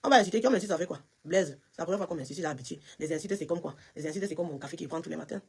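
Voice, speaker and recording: A Cameroonian woman with a Cameroonian French accent hosts a casual live stream. Her husky voice rattles along at great speed. She talks emphatically and speaks straight to her viewers by name. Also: sits low, very fast. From Cameroon, West region.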